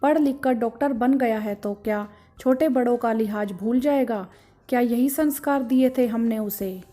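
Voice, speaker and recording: A woman's voice: on the high side, normal speed, dark tone, natural voice. A woman voicing a stern, caring middle-aged husband who scolds with indignation. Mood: concerned.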